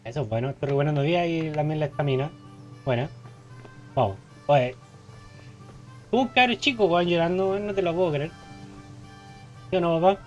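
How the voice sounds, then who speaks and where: A man's voice: fairly high pitch, brisk, pauses often, darkish tone, faint music behind. Man, Chilean accent, gaming commentary, casual, joking, dull lo-fi mic. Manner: casual, joking, reads game text aloud. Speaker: gaming streamer. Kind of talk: let's play commentary.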